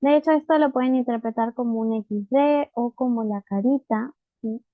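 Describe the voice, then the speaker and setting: Woman teacher, patient, step-by-step, slightly high voice, dry phone-like sound. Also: normal speed, dry recording. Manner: patient, checks in with students often. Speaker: Japanese teacher. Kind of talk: online writing lesson.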